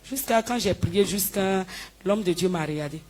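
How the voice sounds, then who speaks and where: A woman giving a spoken healing testimony in church, telling her story with lively, acted-out dialogue. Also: medium pitch, normal speed. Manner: animated storytelling, acting out dialogue with the pastor. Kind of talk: spoken testimony before a congregation.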